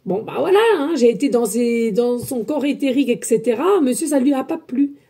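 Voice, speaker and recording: Loud, husky high-voiced woman medium. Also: fairly quick. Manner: loud, emphatic, energetic talk; chatty, addresses viewers as friends. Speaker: medium giving a spiritual guidance reading. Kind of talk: casual spoken guidance to viewers.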